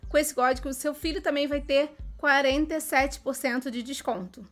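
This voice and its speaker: A woman with a high voice hosts an educational podcast for children. She explains the lesson points to listeners in a friendly, clear way. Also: normal speed. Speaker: podcast host. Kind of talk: explaining to parents.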